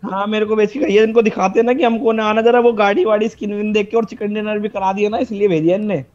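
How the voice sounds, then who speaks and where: A man's voice: high-pitched, steady tone, fast, a little mellow, lo-fi sound. A man streaming live, teasing and arguing with other players over game voice chat. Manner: teasing, argumentative.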